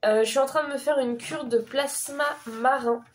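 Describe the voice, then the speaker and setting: A woman's voice: high voice, steady tone, moderate pace. A young woman with a stuffed-up, nasal, sore-throat voice from a cold, chatting casually in a rambling, self-correcting way for a vlog. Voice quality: congested, nasal voice from a cold with sore swollen tonsils. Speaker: vlogger.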